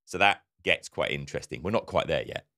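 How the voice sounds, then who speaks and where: A man's voice: a bass voice, brisk. A man co-hosting a marketing podcast, talking casually and acting out quotes as he tells a story. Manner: animated storyteller, acts out quotes. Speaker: podcast co-host. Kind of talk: casual conversational podcast chat.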